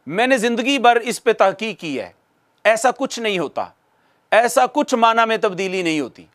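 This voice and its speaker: A man's voice: high-pitched, lively intonation, normal speed, a bit bright. A man from Pakistan, teaching Quran recitation in a video lesson to viewers and patiently repeating key phrases for emphasis.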